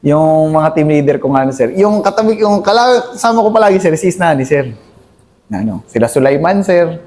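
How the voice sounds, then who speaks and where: A man in his thirties, an army captain, earnestly recounting combat in a halting, deferential way, addressing his host as "sir" constantly. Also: fairly high pitch, lively intonation, a little mellow. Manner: deferential, says "sir" nearly every phrase; earnest, halting storytelling with many restarts. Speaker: army captain, interview guest. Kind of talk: conversational war recollection.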